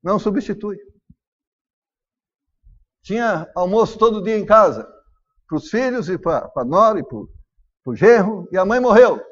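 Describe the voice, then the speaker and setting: A man's voice: sits high, animated, measured pace, long pauses, lo-fi sound. A man with a Brazilian Portuguese accent preaching a sermon as pastor, acting out family dialogue as he goes.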